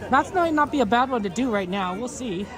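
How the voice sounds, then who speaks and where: A man with a very high voice and lively intonation hosts a casual livestream outdoors at a theme park, talking fairly quickly. He rambles with lots of fillers and restarts while reading chat aloud, with park crowd noise all around.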